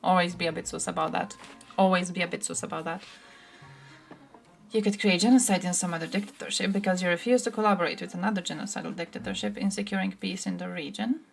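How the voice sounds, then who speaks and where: A woman's voice: fairly low pitch, fairly even intonation, fast, creaky, faint music behind. A woman from Croatia streaming live, giving blunt, sarcastic political commentary and answering chat, swearing freely.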